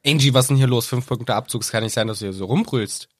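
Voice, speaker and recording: A man's voice: mid-range voice, fast, no echo, clean studio sound, natural voice. A man voicing a stern, strict female teacher in a matter-of-fact scolding tone, in a casual podcast retelling.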